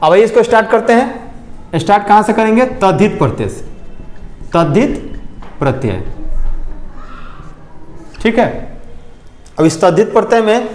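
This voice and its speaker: A man's voice: high voice, big pitch swings, unhurried, pauses often, darkish tone, roomy sound, a little hiss or hum. A male teacher giving a lesson, often repeating points and asking questions to check understanding. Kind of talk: classroom lecture.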